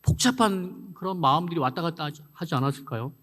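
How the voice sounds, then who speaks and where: Brief: a lively male pastor, fairly high voice, asking the congregation questions, with a long church echo behind him. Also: fast. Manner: animated, asks the congregation questions, acts out the scripture. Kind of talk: sermon. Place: church sanctuary. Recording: long reverb of a church hall.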